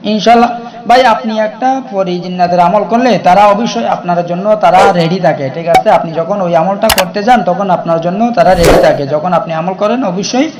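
A man teaching viewers a devotional practice step by step, slowly chanting Arabic phrases and often checking in with "okay?". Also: sits high, a crowd in the background. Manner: slow, deliberate recitation of Arabic chants between plain explanations; repeats 'okay?' to check the listener is following. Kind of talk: instructional talk to viewers.

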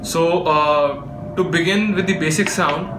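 A man's voice: a little high, measured pace, background noise. A man from India, patiently explaining a technique step by step in a spoken tutorial. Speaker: beatboxer teaching. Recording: echoey room.

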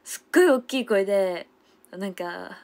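A woman's voice: medium pitch, animated, moderate pace, vocal fry, a little mellow. A young woman, chatting casually and giggling on a livestream, reading out viewer comments. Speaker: idol livestreamer.

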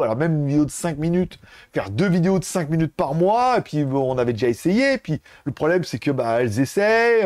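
Male live-stream host, casual rambler, slightly high voice, dry close mic. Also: darkish tone, no room sound. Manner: rambling, colloquial, many fillers and restarts. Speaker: tech livestream host. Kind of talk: casual live chat with viewers.

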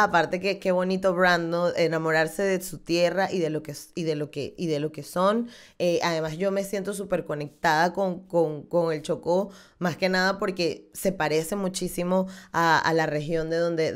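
Animated woman podcast host. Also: lowish voice. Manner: animated, gestures a lot with her hands. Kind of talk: casual podcast outro. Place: small room with dark wall. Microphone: studio condenser mic on stand.

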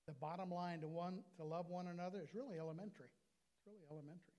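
An older American man preaching an earnest sermon on a lapel mic in a small church. His voice sits a little high for a man. He slows right down to lean on the words that matter. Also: fairly even intonation, mellow. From United States. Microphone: lapel mic at a pulpit.

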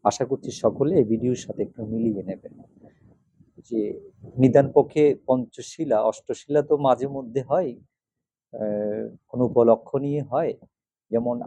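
Monk slowly drilling Pali chants. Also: male voice, medium pitch, mellow, husky, dry recording, low-quality recording. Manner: slow, repeats each Pali phrase several times. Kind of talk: recitation lesson.

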